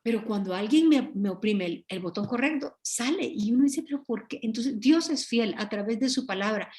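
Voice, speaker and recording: A woman teaching a Bible study over a video call, earnest and animated, often correcting herself mid-sentence. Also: fairly high pitch, normal speed. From Guatemala.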